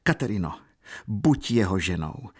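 A man voicing a warm, eager middle-aged aunt and mother, speaking emphatically and louder, in an audiobook reading. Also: mid-range voice, sing-song, slightly rough, voice pushed up. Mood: urging.

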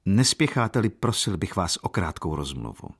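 A worldly count, read by a man with a very low voice, speaks calmly and gravely. He delivers his warnings in measured, steady phrases. The voice is deep and unhurried. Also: full character voice. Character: calm, worldly older nobleman, a count.

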